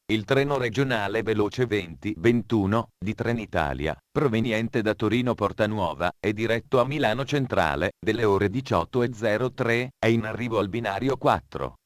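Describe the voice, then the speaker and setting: A man reading scripted train station announcements in a formal, measured way. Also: fairly low pitch, dry recording, clean studio sound.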